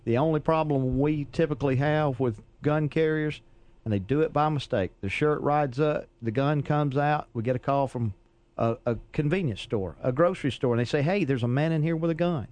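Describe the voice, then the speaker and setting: A man who is a police officer, a guest on a talk show, explaining things in a calm, measured way. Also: mid-range voice. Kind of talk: radio talk show interview.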